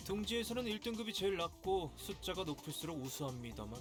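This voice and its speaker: Brief: a tired, formal male clerk, quick and businesslike, faint music behind. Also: sits high, expressive. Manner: formal, matter-of-fact. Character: dry, formal male office worker, weary.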